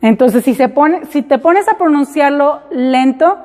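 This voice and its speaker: A high-voiced woman teaches a classroom lesson at a slow, careful pace. She repeats each example word in English before explaining it. The sound rings in a hall with long reverb. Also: expressive, darkish tone.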